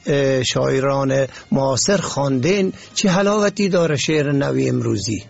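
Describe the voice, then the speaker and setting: A male radio interviewer with an Afghan Dari accent puts polite, formal questions to his guest. His voice is gravelly and husky and sits a little high. The recording sounds muffled and lo-fi. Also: lively intonation, soft background music. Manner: polite and formal, with frequent short agreements.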